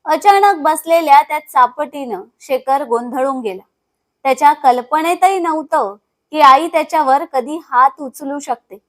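A woman reads a scripted family story aloud with a steady, dramatic delivery. Her voice sits high and clear. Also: measured pace. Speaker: story narrator.

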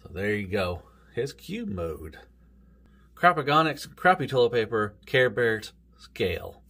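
A man with a Southern US accent talks through a toy review in a relaxed, rambling way. His voice sits a little low, and he drops in a folksy "y'all" and "golly" now and then. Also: unhurried.

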